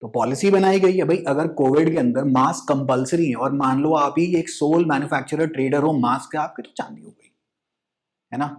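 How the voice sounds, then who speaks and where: A man's voice: a little high, fairly quick. A young man giving a casual legal lecture, explaining as an educator, mixing English phrases and asking rhetorical questions.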